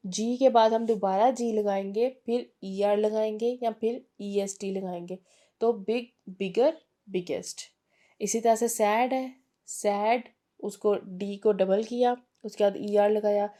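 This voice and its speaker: A woman's voice: medium pitch, mellow. A woman teaching English grammar, patiently spelling out words letter by letter. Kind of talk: explaining grammar rules, reading English rules out slowly.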